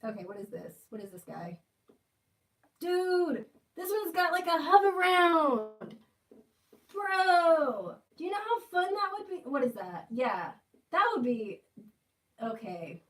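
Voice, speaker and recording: A woman in her twenties hosts a casual livestream, reading out chat comments and playfully teasing viewers with jokey asides. Her voice is high-pitched and a bit bright, with big swings in pitch. She takes her time and pauses often.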